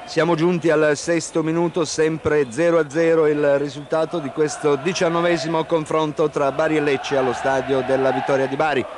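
A man commentates a football match live, in a fairly high, level voice. He names players in short, measured, factual phrases. The recording is an old television broadcast with clear stadium noise behind him. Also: little pitch movement. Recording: noisy old 1990 TV broadcast.

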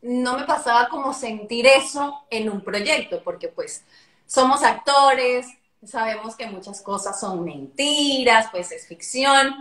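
An actress telling a story in a casual live-stream chat, animated and swearing casually. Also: female voice, a little high, takes it slowly, reverberant. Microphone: phone on a live video stream.

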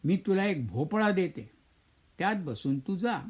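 Caring storybook daughter, gentle and reassuring, unhurried with a lively lilt, as an older narrator puts her on. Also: high-pitched, husky, exaggerated voice. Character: caring grown daughter of an old woman.

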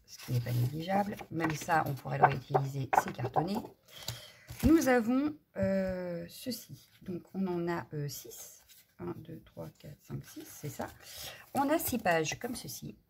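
A woman with a low, gravelly voice talks casually through a craft haul, pausing often with fillers. Steady background noise sits clearly under the recording. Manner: chatty, hesitant with many fillers. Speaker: craft vlogger.

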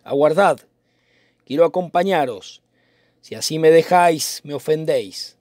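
A man reading the part of a calm, concerned young cousin in a dramatic reading of a play, earnest and advising. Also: on the high side, measured pace, dry recording, clean studio sound.

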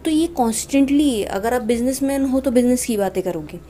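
Reading from her notes and explaining as she goes, a homeopathy teacher with an Indian accent keeps the lesson conversational, checking in with "okay" again and again. Her mellow, fairly high voice is animated and a little fast. Clear background noise runs through this noisy home-made screen-recording voiceover.

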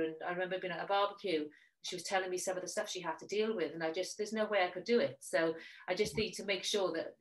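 A Welsh woman in her forties, a magazine editor-in-chief, is a guest in a casual video-call interview, speaking over a headset. Her voice is on the low side and the recording rough, and she talks openly and candidly in long runs.

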